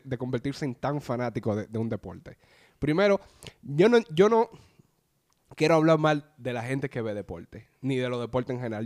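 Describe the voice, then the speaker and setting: A man's voice: mid-range voice, darkish tone. A man with a Dominican accent giving slangy, opinionated takes in a casual chat about sports.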